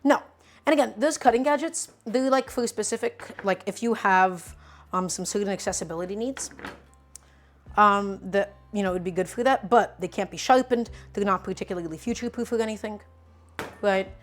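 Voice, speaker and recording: Chopping as she goes, a woman in her twenties runs a laid-back cooking livestream, explaining every step and playfully teasing her audience. She speaks at a normal speed in a mid-range voice.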